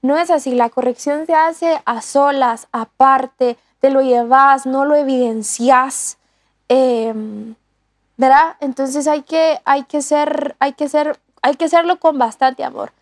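A woman's voice: sits high, steady tone, measured pace, dry recording. A woman, co-hosting a talk on discipleship in an earnest, casual way with many restarts and fillers. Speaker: co-host teaching on discipleship.

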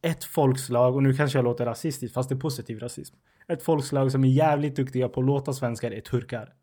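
A Swedish man in his twenties from near Stockholm, with a suburban Stockholm accent and a medium-pitched voice, co-hosts a casual podcast. He's an animated, self-mocking storyteller sharing tales about himself.

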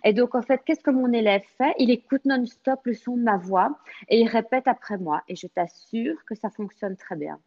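A woman with a strong foreign accent talks about teaching French in a lively, casual podcast chat. Her voice sits fairly high. The recording is muffled and lo-fi. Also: moderate pace. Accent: strong non-native French accent.

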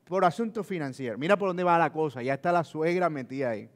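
A man's voice: fairly high pitch, quick pace. A male preacher giving a sermon, telling a story and speaking straight to his listeners. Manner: storytelling, addresses listeners directly. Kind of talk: sermon with acted dramatization.

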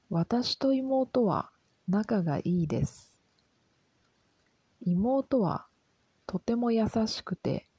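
A soft-spoken woman reading a simple lesson for language learners in a calm, gentle, careful way. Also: mid-range voice, slightly rough, no room sound, poor audio. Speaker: Japanese language teacher.

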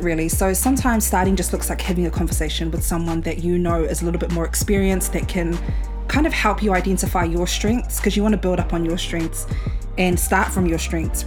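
A woman's voice: lowish voice, darkish tone. A woman of about twenty-nine, chatting informally as the host of a solo podcast recorded at home. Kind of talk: casual solo podcast talk.

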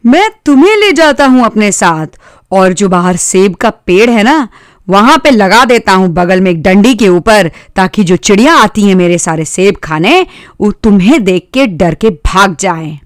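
A woman voicing a blunt, teasing boy in a lively storytelling voice. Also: medium pitch, unhurried, dry recording, studio quality. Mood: eager.

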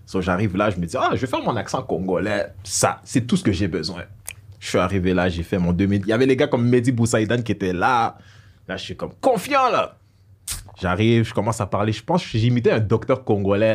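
A young man from Quebec in his twenties hosting a casual podcast, mixing English slang into his French and laughing easily. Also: fairly low pitch. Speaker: podcast host and stand-up comedian.

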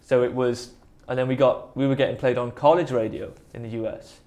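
Brisk and warm, with a steady medium-pitched voice, this musician and producer tells his story in a casual interview. He has a Welsh Valleys accent from the South Wales Valleys and wanders along self-deprecatingly, in a relaxed conversational anecdote.

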